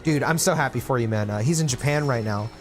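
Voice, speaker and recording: A man's voice: medium pitch, fast, faint music behind. A man in his late twenties talking casually to his livestream chat, reflective and rambling with many fillers and restarts. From Philippines. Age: 20s. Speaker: streamer.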